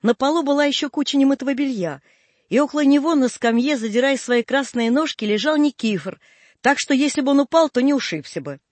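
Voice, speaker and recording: A man reading a classic story aloud in measured scripted narration. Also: very high-pitched, animated, no room sound. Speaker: audiobook narrator.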